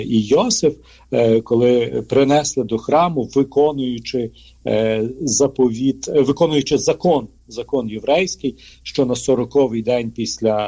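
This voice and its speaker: Ukrainian-born male priest, mellow husky voice, halting interview talk full of fillers. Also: medium pitch. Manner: hesitant, frequent filler sounds and restarts. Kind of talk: conversational interview answer.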